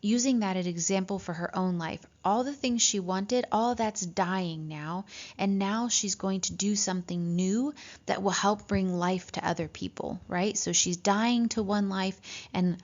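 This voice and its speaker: A woman teacher walks her class through a story, reading lines aloud and stopping to explain them. She talks at a middling pitch, checks in with "right?" and fills pauses with "um". The recording sounds dull and lo-fi.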